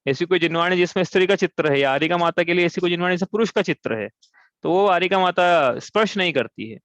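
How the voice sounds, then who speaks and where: A man's voice: high voice, a bit bright, dry recording. Hindi-speaking man teaching scripture, dry lo-fi sound. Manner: explains step by step, asks and answers own questions; chants verses slowly. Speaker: religious teacher. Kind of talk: scripture class explanation.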